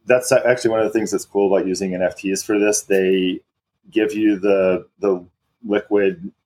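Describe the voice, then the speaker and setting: A man with a very deep, husky voice works through technical points as he talks, in a relaxed podcast chat. His sentences restart as he thinks. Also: normal speed, low-quality recording. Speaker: crypto podcast co-host. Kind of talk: casual chat.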